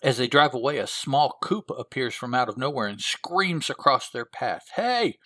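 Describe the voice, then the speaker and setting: A man in his own voice, recapping a comic book story in an easygoing, meandering way. He hesitates often and corrects himself mid-sentence. His pitch sits in the middle, and the recording is close and dry with no room sound. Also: lively intonation, moderate pace, pushed and bright, dry recording. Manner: rambling, with frequent filler words and self-corrections. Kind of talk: casual retelling of a comic plot.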